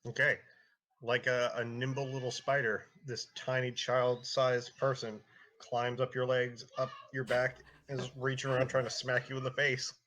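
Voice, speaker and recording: A man with a bright, forward voice runs a tabletop fantasy game. His pitch is average, and he describes scenes off the cuff in a casual, conversational storytelling manner. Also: monotone, moderate pace. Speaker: game master.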